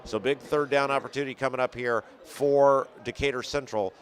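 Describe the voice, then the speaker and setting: Male play-by-play caller for high school football, even mid pitch, surges on big plays. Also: a little fast. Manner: rises sharply and loud on big plays. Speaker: play-by-play announcer.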